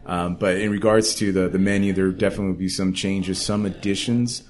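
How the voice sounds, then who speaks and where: A restaurant co-owner speaking in a casual interview, hesitant and halting, recorded in a small restaurant. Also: male voice, deep voice, fairly even intonation, darkish tone. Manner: hesitant, many fillers and restarts.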